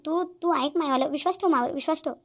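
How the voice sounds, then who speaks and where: Brief: advice-giving cartoon auntie, voiced by a woman, quick delivery. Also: sits high. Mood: coaxing. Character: meddling middle-aged neighbor aunt, advising. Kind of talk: cartoon voice acting.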